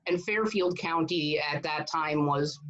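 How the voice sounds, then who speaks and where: A man's voice: on the high side, unhurried, fairly bright tone. A man in his thirties from Connecticut, talking casually as an interview guest, often restarting and repeating words. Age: 30s. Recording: dull, muffled sound.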